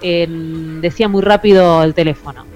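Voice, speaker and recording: Rioplatense woman hosting radio, chatty and anecdotal, soft music under her voice. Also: deep voice, steady tone, normal speed. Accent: Rioplatense Spanish. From Argentina. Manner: chatty and storytelling. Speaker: radio host. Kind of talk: casual radio chat.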